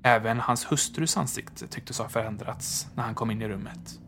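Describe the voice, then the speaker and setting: Male narrator, horror story, hushed and measured, average pitch. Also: slight background noise.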